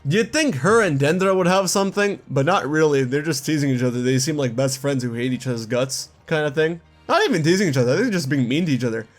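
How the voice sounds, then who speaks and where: A man chatting casually in his own commentary video, quick asides and laughing at his own jokes. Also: fairly high pitch, animated, faint music behind. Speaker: YouTube gaming commentator.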